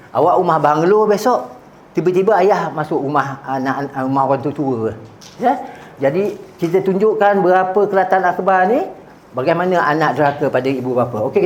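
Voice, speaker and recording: A man's voice: on the high side, a little mellow. A man giving a religious talk to young people, often stopping to ask the audience "ya?". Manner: exhorting, often asks the audience "ya?". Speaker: religious speaker. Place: Islamic hall. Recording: echoey hall with faint noise.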